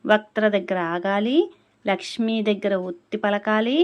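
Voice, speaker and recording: A woman teaching how to pronounce a devotional chant, explaining patiently and drawing out each syllable slowly when she demonstrates it. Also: medium pitch, steady tone. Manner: slow, carefully drawn-out syllables when demonstrating. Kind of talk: spoken lesson on pronouncing a chant.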